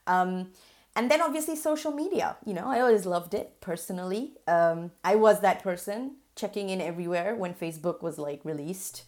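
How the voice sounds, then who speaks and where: A young woman from Singapore talks through her career as a podcast guest. Her voice sits a little low, and she chats freely with lots of fillers and laughs. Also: moderate pace, darkish tone. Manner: chatty, laughs often, many fillers. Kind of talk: podcast interview.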